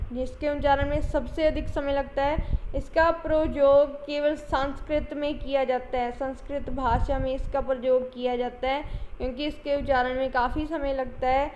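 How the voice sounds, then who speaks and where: High-voiced woman teacher, lo-fi. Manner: repetitive, coaxing, addresses students as children. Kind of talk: online exam-prep lecture. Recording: dull lo-fi audio with faint hiss.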